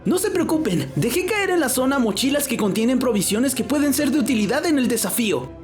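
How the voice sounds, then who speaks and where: A woman's voice: high-pitched, big pitch swings, a little fast, a little mellow, faint music behind. A woman voicing an eager, well-meaning boy camper who gets apologetic when scolded.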